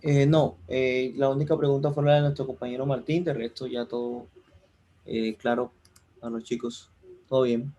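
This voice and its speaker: Flat-voiced man co-hosting a livestream. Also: mid-range voice, moderate pace, muffled recording. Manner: hesitant, many fillers. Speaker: co-host of a community livestream. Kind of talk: livestream co-hosting, thanking the speaker.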